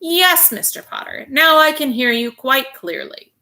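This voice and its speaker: A woman's voice: sits high, sing-song, a little slow, pushed and bright, pitched above the performer's own voice, heavily acted. A woman voicing a fussy male clerk on the telephone at city hall, who speaks in a prim, muddled way.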